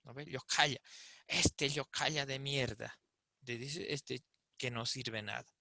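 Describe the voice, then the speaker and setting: A man's voice: medium pitch, steady tone, slow, creaky, sharp tone, dry recording. A man giving an explanatory talk in a discussion, often asking rhetorical questions. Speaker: invited speaker. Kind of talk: conversational talk in an online discussion.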